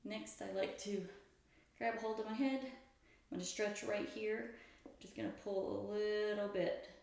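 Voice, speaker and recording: A woman's voice: medium pitch, fairly even intonation, unhurried, vocal fry, darkish tone. Woman in a very echoey room, casual instruction. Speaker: host of a stretching routine video. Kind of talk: casual exercise instruction, talking through own stretches.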